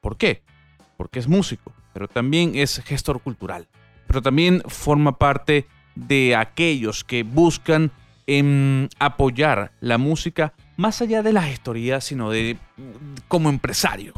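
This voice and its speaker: A man's voice: medium pitch, expressive, a little slow, clean tone, no room sound, faint music behind. A man hosting a podcast interview from a record shop, talking in a conversational way.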